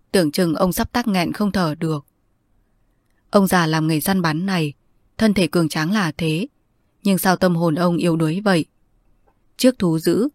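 A woman narrating a novel in a steady, measured storytelling manner. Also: on the low side, no echo. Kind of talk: audiobook narration.

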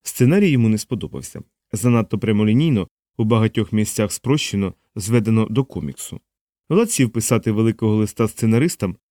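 A man reading a novel aloud in steady scripted narration. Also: lowish voice, dry recording, clean studio sound. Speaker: audiobook narrator.

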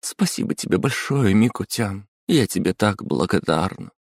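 Male narrator doing a crying, remorseful young woman, high and loud, for a storybook. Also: lively intonation, moderate pace, no echo, clean studio sound. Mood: pleading.

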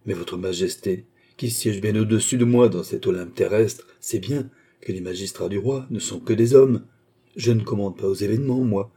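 A man's voice: fairly low pitch, normal speed, dark tone, slightly rough. A suave police magistrate, read by a man. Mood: smug. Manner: polite, smugly deferential. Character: suave older male police chief. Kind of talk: audiobook reading.

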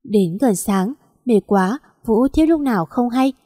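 Lady reading a sad story, mellow kinda high voice, dry close sound. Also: expressive, unhurried, no echo. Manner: plaintive, emotional reading. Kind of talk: scripted story narration.

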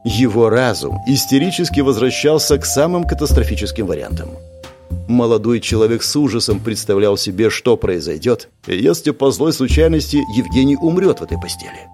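Expressive male storybook narrator. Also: medium pitch, brisk, faint music behind. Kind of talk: audiobook narration.

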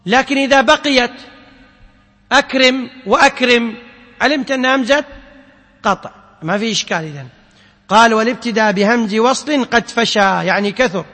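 Man, high voice, classroom lecture, chanted verses, explaining, long hall echo. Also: brisk, pauses often, bright, forceful tone. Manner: chants the verses, then explains with questions to students. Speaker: sheikh teaching Quran sciences.

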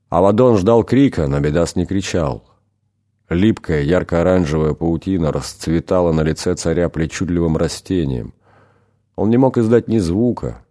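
A man narrating an audiobook in a measured, dramatic reading. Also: low voice, dark tone. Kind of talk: scripted narration.

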